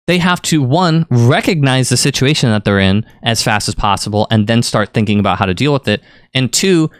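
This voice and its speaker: A man talks through fighting-game strategy in a relaxed, rambling coaching style, now and then pushing a point hard. His voice is smooth and resonant, at an ordinary middle pitch. The recording is close and dry, with no room sound. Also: dry recording. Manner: conversational, rambling, lively emphasis. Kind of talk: casual explanatory commentary.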